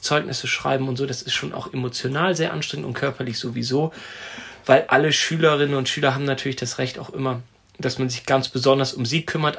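Podcast co-host around 40, gravelly husky voice, chatty storyteller. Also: male voice, medium pitch. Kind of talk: casual chat.

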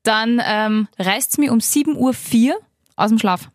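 A woman's voice: a little high, unhurried, dry recording, studio quality. A young woman with an Austrian accent, co-hosting a casual chat podcast, giggly and teasing as she rambles through her stories. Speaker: podcast co-host.

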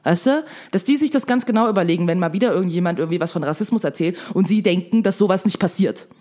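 A woman's voice: lowish voice, fast talker, a little mellow. A young woman telling a story to camera in casual, chatty speech full of fillers, still shaken.

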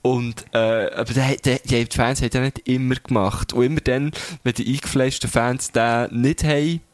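A man with a Swiss German accent telling an anecdote in casual chat, relaxed and quick to laugh. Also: mid-range voice, no echo, clean studio sound. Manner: relaxed storyteller, laughs easily.

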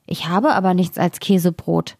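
A woman's voice: lowish voice, steady tone, moderate pace, creaky, a little mellow, no room sound, clean studio sound. A woman voicing a flustered, scheming miller's wife in a storybook tale, speaking in a fussing, lifted tone.

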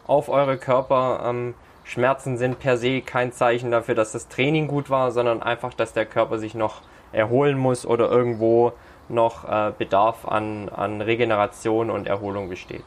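A man's voice: medium pitch, flat delivery, moderate pace. A man hosting a sports podcast in casual chat, hesitant with many fillers. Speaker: podcast host.

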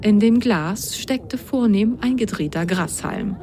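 A woman narrating a children's storybook in a lively, expressive way. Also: medium pitch, takes it slowly, slight background noise.

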